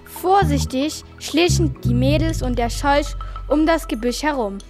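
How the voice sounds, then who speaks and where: A woman narrates a children's adventure audiobook. She has a high, lively voice and tells the story with energy. Soft music plays underneath. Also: unhurried.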